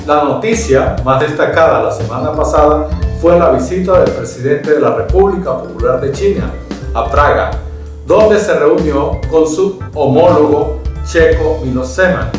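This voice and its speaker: A man presenting a weekly news summary, reading in a steady, measured way with small slips. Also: on the high side, recorded from a distance. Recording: very echoey room, voice from afar, faint guitar.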